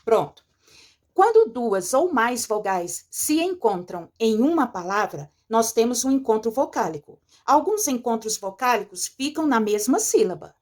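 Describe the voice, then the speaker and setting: A woman teacher talks through a textbook lesson in a slightly high voice. She explains step by step with patience, often pausing to ask her pupils if they follow. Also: very animated, a little mellow. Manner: patient, explanatory, checks in with "certo?" and "tá?". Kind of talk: recorded remote lesson walking through a textbook.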